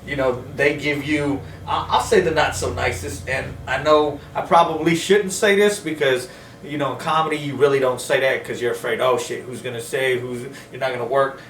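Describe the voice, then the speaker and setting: Teasing comic host in an echoey room. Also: male voice, mid-range voice, fairly even intonation, normal speed, a bit bright, slight background noise. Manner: joking, teasing banter. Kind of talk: casual podcast chat. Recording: echoey room, distant mic.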